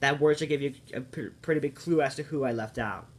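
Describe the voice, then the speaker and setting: A man's voice: mid-range voice, fast. A man giving a casual spoken review of a cartoon series, rambling and often stopping to correct himself. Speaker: video reviewer.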